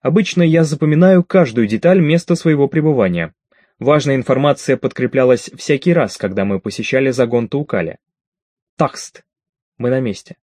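A man's voice: mid-range voice, lively intonation, moderate pace, a little mellow, dry recording, lightly acted. Prim female alien in an audiobook, read by a man in his plain voice: formal, exact, a touch haughty, dry close sound.

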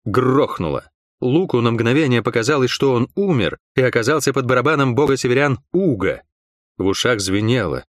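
A man reading a fantasy novel aloud as an audiobook narrator, in a measured, steady storytelling delivery. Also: medium pitch, no echo, clean studio sound. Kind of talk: scripted narration.

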